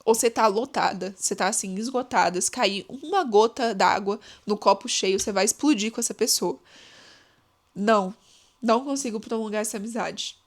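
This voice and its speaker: A young woman hosting a casual advice podcast, talking in an expressive, chatty way and often calling out to her listeners. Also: medium pitch, normal speed. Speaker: podcast host.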